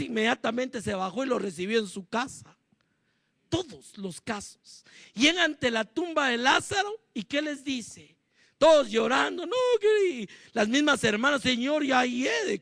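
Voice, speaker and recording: High, gravelly-voiced preaching pastor. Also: male voice, bright, forceful tone, no room sound, clean studio sound. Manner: emphatic preaching, rhetorical questions to the congregation. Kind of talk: sermon.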